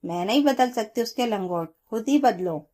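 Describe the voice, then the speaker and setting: Bossy, sharp-tongued older mother-in-law, read by a woman narrator; pitched a little higher than her plain voice, scolding and impatient. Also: lively intonation, normal speed.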